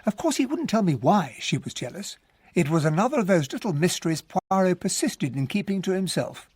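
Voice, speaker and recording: An actor playing an earnest, well-bred English army captain who narrates and talks in a radio drama, with an English accent. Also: male voice, high-pitched, sing-song, brisk, darkish tone, slightly rough, no echo, studio quality, full character voice. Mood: reflective narration. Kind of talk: radio drama acting and first-person narration.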